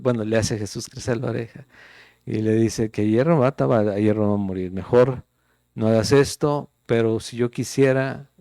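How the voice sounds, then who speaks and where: Man, middle-aged pastor, conversational sermon, reads scripture aloud, warm mellow tone, dry close sound. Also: lowish voice, no echo.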